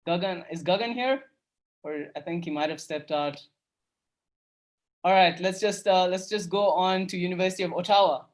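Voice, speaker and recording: In a moderate-paced, high-sitting voice, a young man raised in Kenya hosts a casual coding workshop online through a video call. He keeps things upbeat and chatty, using lots of fillers and repeating "awesome."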